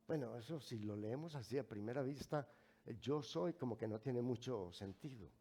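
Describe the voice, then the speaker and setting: A man with a Mexican accent preaching a sermon as pastor, speaking in a slow, emphatic way with asides to the congregation. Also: mid-range voice, mellow, breathy edge.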